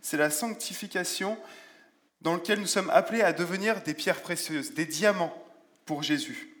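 A man preaching a sermon in a relaxed, conversational way, with self-deprecating humor and Bible verses read aloud. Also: on the high side, normal speed. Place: church.

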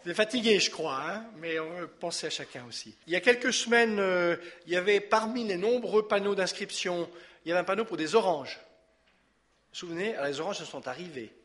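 A man with a slightly high voice gives church announcements. He talks casually and warmly, stumbling over words and filling gaps with hesitations. It sounds like a pastor addressing his congregation in a church hall. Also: a little fast. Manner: warm, conversational, hesitant with many fillers.

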